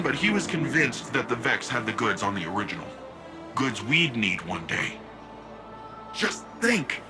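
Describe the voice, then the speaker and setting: A male actor with a fairly high voice voices a brash, restless young warrior in a video game, his delivery lightly acted. He sounds upbeat and cocky, quick with a joke, speaking over loud game music.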